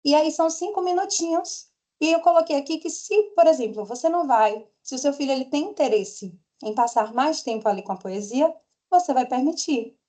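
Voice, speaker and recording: Gentle Brazilian woman explaining lessons. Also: sits high, fairly quick. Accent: Brazilian Portuguese. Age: adult parent. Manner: conversational, gentle explaining with frequent tag questions. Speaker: homeschool teacher. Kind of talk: conference talk.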